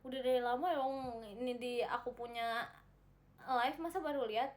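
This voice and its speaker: A young woman hosts a livestream, casually chatting as she reads out viewer comments, giggling and repeating herself. Her voice sits a little high, with a steady tone and a normal speed.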